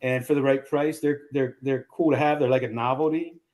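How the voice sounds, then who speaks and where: A man in casual round-table chat, animated, often repeating words as he restarts his sentences. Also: mid-range voice, brisk.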